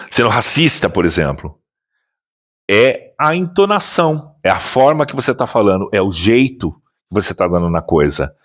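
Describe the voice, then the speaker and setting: Emphatic Brazilian man, lively pitch. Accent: Brazilian Portuguese. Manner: questioning, emphatic, with frequent restarts. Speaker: spiritual teacher and channel host. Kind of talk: casual spoken commentary.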